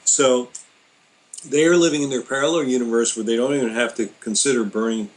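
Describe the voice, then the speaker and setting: A man talking politics in casual chat, indignant and quick. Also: medium pitch, fairly even intonation, low-quality recording. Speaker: political commentator.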